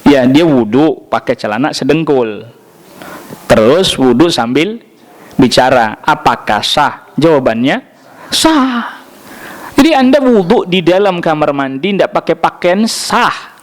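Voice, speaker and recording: A man's voice: on the high side, a little slow. A man giving a mosque study lecture, telling anecdotes with jokes and answering questions directly. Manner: lively storytelling with jokes and acted quotes. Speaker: Islamic preacher.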